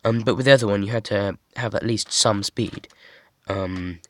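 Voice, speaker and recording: A young man casually showing off a toy model he built, talking in a monotone with many fillers and restarts. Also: on the low side, moderate pace. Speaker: hobby builder showing a model. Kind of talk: casual show-and-tell.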